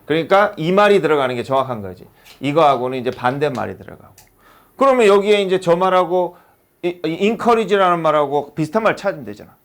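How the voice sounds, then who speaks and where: Animated male teacher quizzing a class. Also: on the high side, fast talker. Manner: animated, asks constant rhetorical questions. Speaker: high school English teacher. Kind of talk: classroom lesson. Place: classroom with students.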